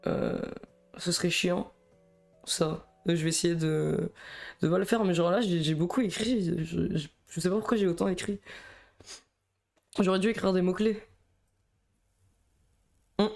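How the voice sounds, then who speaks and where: A man's voice: high voice, fairly even intonation, a little slow, vocal fry, pauses often, darkish tone, faint music behind. A young man with a Belgian French accent, chatting nervously and rambling on a live stream, stammering and laughing. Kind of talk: casual live stream chat.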